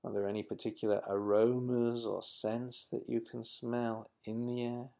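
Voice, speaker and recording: A man leading a guided mindfulness exercise in a slow, calm, instructive manner. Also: mid-range voice, gravelly. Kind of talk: guided meditation.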